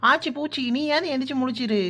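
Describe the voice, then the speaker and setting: A playful young village bride, voiced by a woman, chatters and whines in a Kanyakumari Tamil accent, pitched a little above a typical woman's voice. Her lines come across as teasing and whiny in the style of a home-made cartoon. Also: fast talker, fairly bright tone. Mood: chatty.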